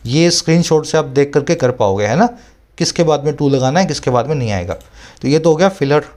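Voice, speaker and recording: A man's voice: a little high, expressive, a little mellow. Man tutoring English in Hindi. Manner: explains in Hindi mixed with English terms, reads English text slowly; asks frequent rhetorical check-ins. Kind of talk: explaining grammar and vocabulary to exam students.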